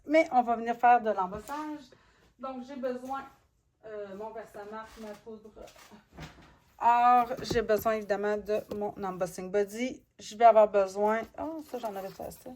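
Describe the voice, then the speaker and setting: A woman with a Québécois French accent teaching card making, murmuring half to herself as she works and slipping into soft asides. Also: a little high, slight background noise. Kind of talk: crafting tutorial narration.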